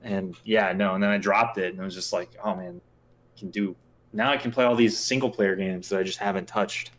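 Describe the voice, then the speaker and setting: A man's voice: lowish voice, steady tone, a little fast, a bit bright, a little hiss or hum. A young man co-hosting a podcast, chatting casually and rambling with lots of fillers. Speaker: podcast co-host. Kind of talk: casual chat.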